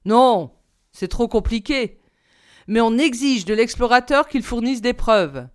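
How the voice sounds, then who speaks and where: A self-important old geographer who lectures formally, as a woman reads his part. The voice is clear and smooth and sits fairly high. He comes across as a storybook scholar in an audiobook. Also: expressive, a little slow. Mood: lecturing. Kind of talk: audiobook reading.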